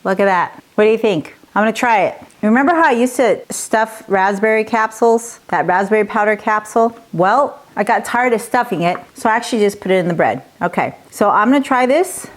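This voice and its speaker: A woman's voice: medium pitch, animated, a little fast, few pauses. Persuasive woman health host. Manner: direct, persuasive, asks viewers questions. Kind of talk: casual health talk to camera.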